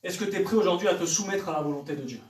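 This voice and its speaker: An evangelist preacher in a church hall presses young people with direct questions, speaking very fast in a high, animated voice. The recording is echoey and captured from far off.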